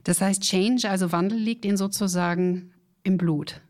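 A woman's voice: mid-range voice, steady tone, moderate pace, a little mellow. A woman hosting a business podcast, asking questions in a composed, articulate way. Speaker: podcast host, interviewer. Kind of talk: conversational interview.

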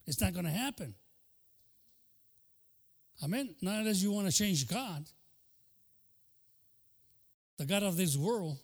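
Fervent high-voiced bilingual pastor. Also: male voice, expressive, takes it slowly, pauses often, breathy edge. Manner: switches between Spanish and English mid-sentence; fervent preaching punctuated by "aleluya" and "hermano". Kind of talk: sermon.

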